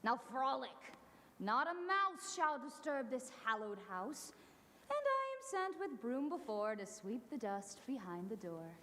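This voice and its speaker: A woman's voice: on the high side, measured pace, in a large hall, a little hiss or hum, heavily acted. Puck, a teenage girl playing an impish fairy sprite. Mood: eerie, playful. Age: teens. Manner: sing-song rhyming verse, lively swoops. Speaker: high school stage actor. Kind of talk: Shakespearean stage verse. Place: school theatre stage.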